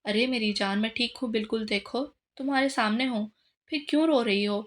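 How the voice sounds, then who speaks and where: A woman's voice: on the high side, a little fast, natural voice. A woman reading the lines of an affectionate, shy young wife in a romance novel. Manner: gentle, affectionate.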